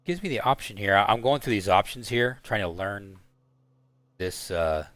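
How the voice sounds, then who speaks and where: A man hosting a live stream, chatting casually and haltingly while he flies a flight simulator. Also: lowish voice, expressive, a bit bright, dry recording. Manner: rambling, halting, lots of fillers. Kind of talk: casual commentary while flying a sim.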